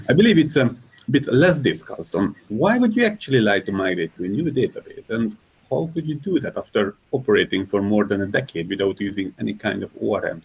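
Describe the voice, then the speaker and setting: A software engineer from Hungary gives a scripted conference talk in a low, slightly husky voice. His delivery is measured and explanatory, with a dry ironic edge now and then. The recording sounds a little muffled.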